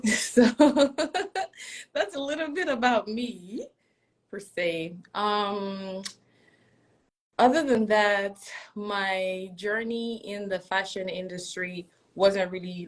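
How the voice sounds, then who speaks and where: Brief: young woman from Congo, native French speaker, fairly low voice, chatty guest with easy laughs, on a video call. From Democratic Republic of Congo. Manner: chatty, laughs often, many fillers like "like". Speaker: fashion designer guest. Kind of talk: casual interview over a live stream.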